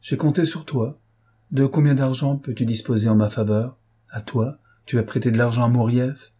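A man voicing a proud, earnest noblewoman in a storybook reading, with a husky tone. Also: mid-range voice, fairly even intonation, normal speed, dark tone, pitched above the performer's own voice, natural voice.

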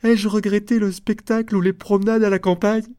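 A man's voice: high voice, steady tone, a little slow, darkish tone, dry recording, studio quality, voice pushed up. A man reading aloud voices a proud, passionate young woman in a storybook, with an impassioned, theatrical delivery. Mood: indignant.

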